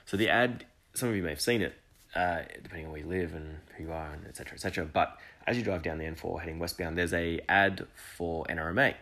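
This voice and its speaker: A man's voice: sits low, fast, pushed and bright. A man hosting an education podcast alone, talking enthusiastically and rambling with restarts and asides. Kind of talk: solo podcast monologue.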